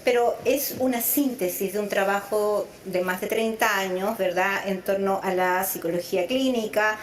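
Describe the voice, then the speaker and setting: A medium-pitched woman's voice at a moderate pace belongs to a middle-aged psychologist from Chile who was raised in Venezuela, reflecting thoughtfully in an interview and stretching words for emphasis. The recording is rough and roomy, with a little hiss or hum.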